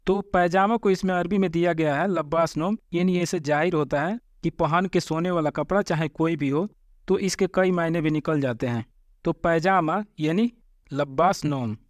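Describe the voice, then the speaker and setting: A man teaching vocabulary, repeating each word slowly and addressing viewers as friends. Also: fairly high pitch, dry recording. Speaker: Arabic language teacher. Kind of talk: vocabulary lesson.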